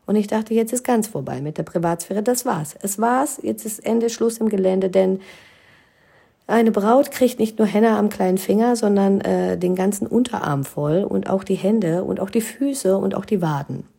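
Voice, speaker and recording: Chatty young woman telling a funny story, gravelly, dark and warm, lots of filler words. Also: medium pitch, normal speed. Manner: chatty, humorous, frequent tag "ne?" and "äh". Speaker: storyteller recounting her own wedding. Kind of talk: casual spoken anecdote.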